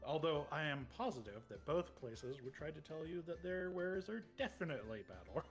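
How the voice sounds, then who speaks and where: A man running a tabletop game as game master, talking in a relaxed, hesitant way and laughing between lines. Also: on the high side, normal speed, faint music behind.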